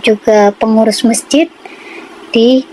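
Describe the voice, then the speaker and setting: An earnest woman from tells her own faith story. Her slightly high voice moves in short, halting phrases at a slow, deliberate pace. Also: steady tone, dark tone, slight background noise, rough recording. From Jakarta, Indonesia. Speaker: testimony giver. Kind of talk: personal faith testimony.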